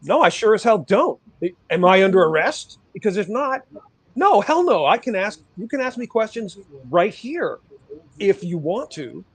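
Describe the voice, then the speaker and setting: A man's voice: high-pitched, lively intonation, moderate pace, breathy edge, dry recording. A man, a guest on a podcast, speaking in an emphatic, impassioned and profane manner. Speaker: podcast guest, rights activist. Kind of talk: casual chat.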